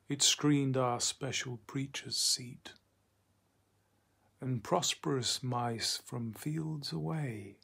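A man reading verse in a breathy, husky voice, often dropping to a near whisper. He takes it very slowly, leaving long pauses between lines. His pitch sits in the middle of the range. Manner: hushed, half-whispered delivery; slow, deliberate phrasing with long pauses. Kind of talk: poetry recitation.

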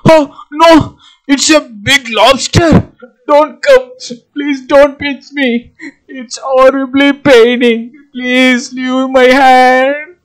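A young schoolboy bully, sobbing and begging, as a man puts him on for a school puppet play. The voice sits high and the pleas come slowly. Each line sounds whimpering and sorry. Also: lively intonation, fairly bright tone, full character voice, poor audio. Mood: pleading, pained. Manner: pleading, whimpering. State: crying. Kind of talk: school puppet show voice acting.

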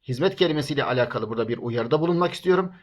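Man slowly reading out word lists. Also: mid-range voice, expressive. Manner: reads word lists slowly, one word at a time; addresses listeners as friends. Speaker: teacher. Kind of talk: recorded language lesson.

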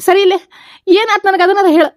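A guilt-ridden young husband in a comedy skit, played by a woman with a North Karnataka Kannada accent. His voice sits very high and dry, pleading tearfully and repeating his words. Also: fairly even intonation, fast talker, no room sound. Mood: bewildered.

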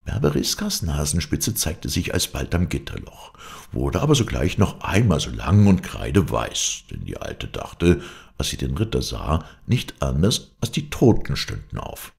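Deep gravelly male storyteller. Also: big pitch swings, measured pace, darkish tone. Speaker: fairy tale reader. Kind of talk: storybook narration.

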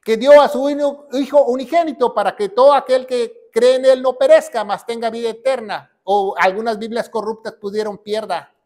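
High-voiced emphatic male preacher. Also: fairly even intonation, moderate pace, few pauses. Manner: emphatic, repeats key phrases, rises to shouts; asks questions and answers them himself. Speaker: pastor. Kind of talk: sermon.

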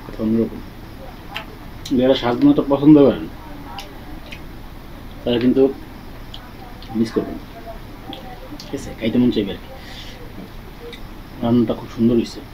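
A man's voice: mid-range voice, racing, long pauses, warm tone. A man hosting an eating video, chatting casually to his viewers with his mouth full. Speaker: food vlogger. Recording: slightly dull audio with fan and wind noise. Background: fan whoosh.

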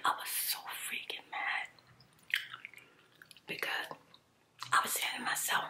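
Speaking slowly in a heated whisper, a woman tells a personal story. She sounds emphatic and exasperated, swearing and repeating herself in casual slang.

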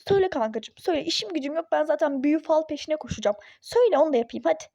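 A sarcastic, fed-up young mother in a phone-game role-play story, voiced by a woman. She talks high but with a mellow, dark tone, and snaps back with exasperation. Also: expressive, rapid-fire, gravelly, dry recording, studio quality. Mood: exasperated. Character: irritable young pregnant mother, fed up, skeptical.

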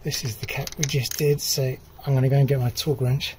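A middle-aged man talking casually while he rebuilds a car engine outdoors, thinking aloud with pauses and fillers. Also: medium pitch, level tone, a little mellow, a little hiss or hum. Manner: thinking aloud, stop-start explaining with fillers. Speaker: DIY car mechanic. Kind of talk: casual workshop explanation. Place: outdoor driveway.

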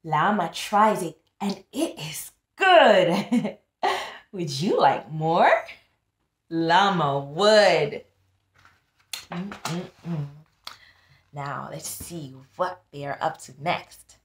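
In a small plain-walled room indoors, a woman in her thirties tutors young children by reading a picture book aloud, expressive and deliberate, often prompting with questions. Her voice leans low, and the sound is roomy.

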